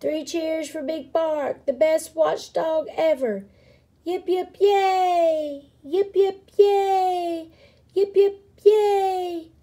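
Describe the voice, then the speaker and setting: Storybook role: squabbly little prairie dog from an excitable pack, played by a woman, high, animated, shouty. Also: slow pace. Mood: cheering. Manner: shouting and cheering in short bursts. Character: excitable, squabbling crowd of small prairie dogs.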